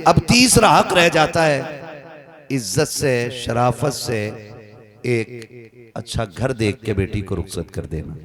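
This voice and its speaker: A man with a western Uttar Pradesh accent preaching a sermon at a village gathering, teasing the listeners with humour and strong emphasis. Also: medium pitch. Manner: humorous, teasing the audience, rising and falling emphasis. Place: crowded gathering. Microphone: microphone on a stand. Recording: crowd noise behind.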